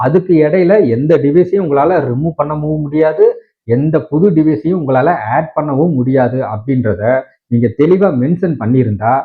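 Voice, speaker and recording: Through narrow, tinny audio, a man with a fairly high-pitched voice airs his grievances to viewers. He's a tech video creator from Tamil Nadu, India, with a matching accent, arguing indignantly and leaning on rhetorical questions.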